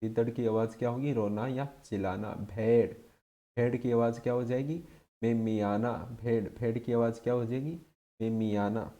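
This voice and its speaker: A man with a dark, mellow voice teaching an exam-prep lesson. He keeps asking short questions and answers each one himself in a steady drilling rhythm. His pitch sits in an ordinary middle range. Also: moderate pace, highs cut off.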